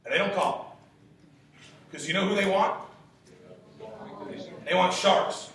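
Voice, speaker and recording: Young man, twenties, sales trainer, high-pitched, emphatic, rhetorical questions, casual swearing, very echoey room. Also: takes it slowly, a bit bright. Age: 20s. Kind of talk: motivational sales training talk. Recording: very echoey room, distant mic, faint hiss.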